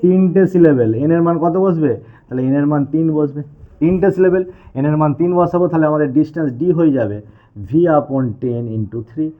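A man's voice: fairly high pitch, fairly quick. A man teaching a physics lesson, asking the class questions and then answering them himself. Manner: addresses students informally. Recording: tinny, phone-like sound.

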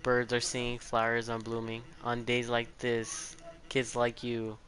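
A man's voice: medium pitch, completely flat delivery, unhurried, a bit bright, slight background noise, natural voice. A man voicing a laid-back but threatening skeleton, reading game dialogue in a casual, understated way. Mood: quietly threatening.

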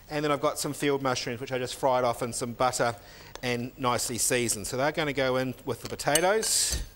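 A man's voice: mid-range voice, noisy background. A middle-aged man, a chef demonstrating a recipe in a teaching kitchen, explaining each step steadily as he works, with the odd "um". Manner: steady step-by-step explaining while working, with filler ums. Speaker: chef and cooking instructor. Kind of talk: cooking demonstration.

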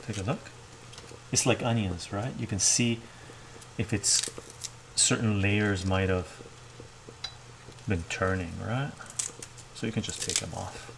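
A man's voice: fairly low pitch, fairly even intonation, takes it slowly, gravelly, long pauses, fairly bright tone, slight background noise. A middle-aged man hosting a cooking livestream from his home kitchen, chatting casually and ending his sentences with "right?". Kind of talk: casual chat while cooking.

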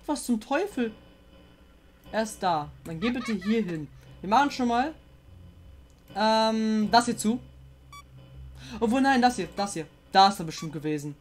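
A woman playing a horror game and commenting, jumpy and excitable, often swearing and coaxing the monster on screen. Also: a little high, a little slow, long pauses. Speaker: let's player.

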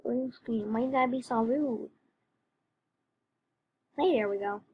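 A woman's voice: fairly high pitch, unhurried, dull audio, a little hiss or hum. A woman giving rambling, apologetic commentary on her gameplay, her voice worn out from talking all day. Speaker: let's play commentator.

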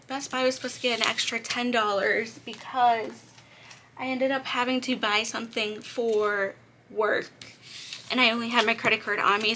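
Counting her cash aloud for a budgeting vlog, a young woman chats in a fairly high, slightly cracking voice, with light laughter along the way. There is background noise in the recording.

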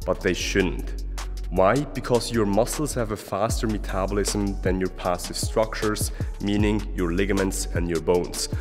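A young Swiss fitness coach who speaks German earnestly explains gym tips to a handheld camera at arm's length, in a large indoor gym whose echoey hall has music playing. His deep voice is unhurried with fairly even intonation, and in this casual vlog advice he explains things and says "okay" often.

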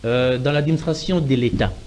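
A middle-aged man from Congo, a panelist in a studio debate, insistent and quick to defend his point. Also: mid-range voice, darkish tone, a little hiss or hum. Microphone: desk microphone.

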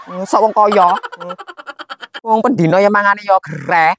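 A man acting a grumbling, quick-tempered village mother in a slapstick sketch. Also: high-pitched, creaky, over music. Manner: grumbling, mocking asides. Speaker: comic actor.

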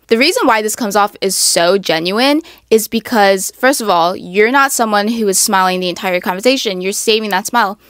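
A woman's voice: mid-range voice, fairly bright tone, clear, resonant tone, dry recording. Young woman, host, casual advice talk, chatty filler words, dry recording. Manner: chatty, peppered with "like" and "literally".

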